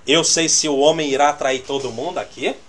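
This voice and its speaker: A man's voice: fairly high pitch, brisk. Man teaching a church class. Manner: conversational, checks the audience with constant "né?" and "tá entendendo?"; loudness swings from near-muttered asides to emphatic bursts. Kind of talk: teaching sermon to a congregation.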